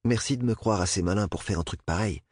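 A man voicing a quiet, wry, clever young boy in an audiobook reading. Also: deep voice, quick pace, no echo, clean studio sound.

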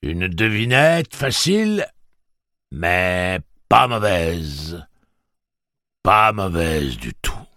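Man doing a slow musing giant machine. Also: low voice, very animated, bright, forceful tone, no echo, studio quality, pitched above the performer's own voice, full character voice. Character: vast calm train computer, pleased and nostalgic.

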